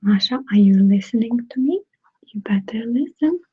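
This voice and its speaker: A woman's voice: fairly high pitch, expressive, moderate pace, slightly rough. A woman voicing a bossy young girl playing a strict teacher, in a put-on Russian accent, as whispered role-play. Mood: stern. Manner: stern, instructing. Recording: dry tinny phone-like sound.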